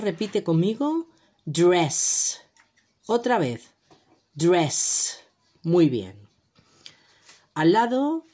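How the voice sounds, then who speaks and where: Slow, patient teacher woman. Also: on the low side, warm tone. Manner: slow, patient, repeats words for the listener to echo. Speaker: English teacher for children. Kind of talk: vocabulary lesson for kids.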